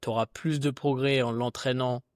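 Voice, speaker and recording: A man talking as a podcast guest and fitness coach, in a chatty, relaxed, slangy way with lots of fillers. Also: medium pitch, moderate pace, no room sound, studio quality. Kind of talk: casual conversation.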